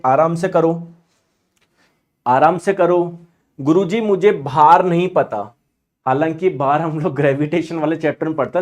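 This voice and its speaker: A man teaching an exam-prep physics lesson in a lively way, often asking questions and answering them himself. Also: a little high. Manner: lively, asks and answers his own questions; acts out students' objections in asides.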